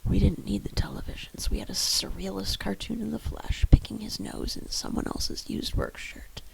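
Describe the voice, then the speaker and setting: A woman's voice: mid-range voice, steady tone, normal speed, creaky, rough recording. A woman narrating a story in the first person with wry storytelling, in a whispered role-play.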